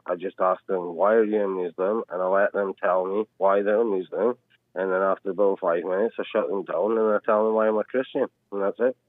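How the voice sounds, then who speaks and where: Man, from Scotland, phone caller, over the phone, very deep voice, dry close sound, talks at length. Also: no echo. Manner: lays out his point at length, passing on what others told him. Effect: heard over the phone. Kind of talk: call-in radio chat. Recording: narrow phone-line audio.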